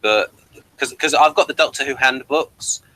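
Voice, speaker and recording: A podcast host, a man with a mid-range voice, talks at normal speed in a bright, forceful tone. It's a casual, conversational discussion of TV and personality types, captured in a rough recording.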